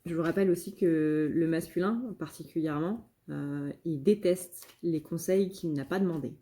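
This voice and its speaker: A woman's voice: low voice, moderate pace, mellow. A woman giving a casual channeled tarot reading, hesitant, with many fillers and restarts. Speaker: tarot reader and medium.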